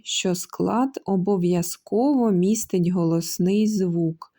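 Slow, mellow-voiced woman teaching small children. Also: on the low side. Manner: drawn-out syllables and calling out words to show stress. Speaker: kindergarten teacher. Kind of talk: slow, carefully articulated lesson for young children. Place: kindergarten lesson recording.

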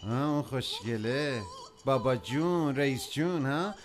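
A man dubbing a volatile drunk husband who snarls threats, swinging between shouting and low muttering, in a dubbed film. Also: animated, faint music behind. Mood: mocking. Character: volatile drunk man, Yusuf, bullying his wife. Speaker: dub actor.

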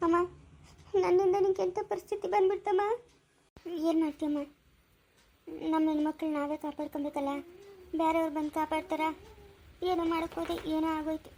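Woman doing a sad young daughter, soft and teary, chikkaballapura kannada accent, very high voice. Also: steady tone, a little fast, long pauses. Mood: pleading. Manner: soft, pleading, tearful. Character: grieving young daughter visiting jailed mother.

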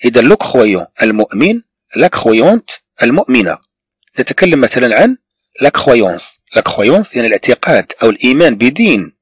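A man with a Moroccan accent teaching a language lesson, patiently repeating phrases and breaking them down slowly. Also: medium pitch, husky, dry recording. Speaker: French teacher.

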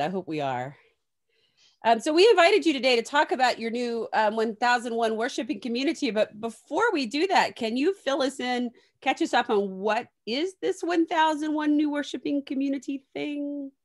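Lively, encouraging young woman host. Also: on the high side, normal speed. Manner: encouraging, playful. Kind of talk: video call conversation. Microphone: video call.

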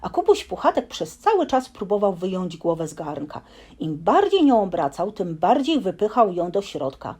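A woman reading a bedtime story aloud in a lively, expressive storytelling manner. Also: mid-range voice, moderate pace, slightly rough.

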